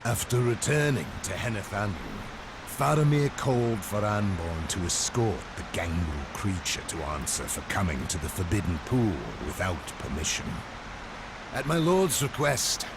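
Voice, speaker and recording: Low-voiced dutiful soldier. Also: male voice, very animated, noisy background. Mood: solemn recounting. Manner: formal, measured. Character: dutiful soldier recounting events to a visitor.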